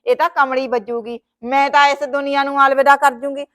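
A woman's voice: sits high, level tone, brisk, a bit bright. A woman with a Punjabi accent playing a fretful sister-in-law who scolds and wails dramatically in a village short film. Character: fretful sister-in-law caring for her brother's wife.

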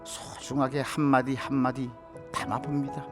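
A man's voice: medium pitch, level tone, moderate pace. A man reading scripted comic narration in a mock-sentimental manner. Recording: music behind voice.

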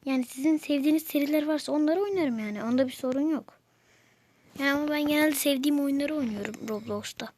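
High-pitched woman narrating her own gameplay, constantly griping at the controls. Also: fast, a little mellow, slight background noise. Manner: exasperated, complaining at the game. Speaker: gameplay video maker. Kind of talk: casual gameplay commentary.

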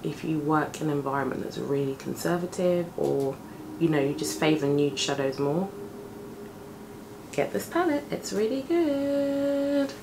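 Unhurried and creaky, a beauty vlogger in her thirties talks in a relaxed, chatty way while doing her makeup, her morning voice deeper than it normally is. The casual tutorial is filmed at home on a close desk camera, with planes and street traffic audible through the open window.

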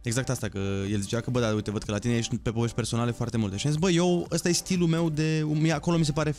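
A man chatting casually in a radio studio, telling stories with quick asides. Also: mid-range voice, soft background music. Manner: animated storytelling, quick asides. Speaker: comedian guest. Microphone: studio microphone.

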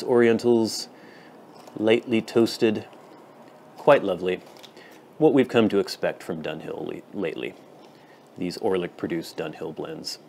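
A man with a deep-set, low voice talks casually to camera as a reviewer. His delivery is measured and deliberate, often breaking into short, itemised phrases. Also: vocal fry, a little mellow, slight background noise. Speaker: pipe tobacco reviewer. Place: wood-floored room at home, indoors.

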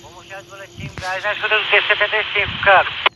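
A Brazilian man with a high voice works as a railway controller on a two-way radio. He speaks in clipped walkie-talkie procedure, as call and response. Very heavy noise covers the transmission. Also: flat delivery, quick pace.

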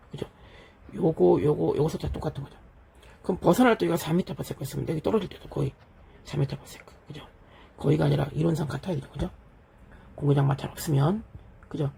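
A man's voice: on the high side, vocal fry, mellow, slightly rough. A middle-aged man teaching physics, working through an exam problem at the board and checking in with his students again and again. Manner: keeps checking in with "됐죠?" and "그죠?"; talks while writing on a board. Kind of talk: lecture solving an exam problem.

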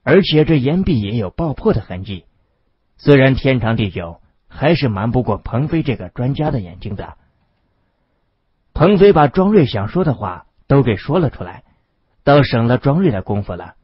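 A man narrating an audiobook novel, reading the dialogue in a lowered, quieter voice. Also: big pitch swings, normal speed, breathy edge, no room sound. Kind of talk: storytelling narration. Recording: dull lo-fi dry recording.

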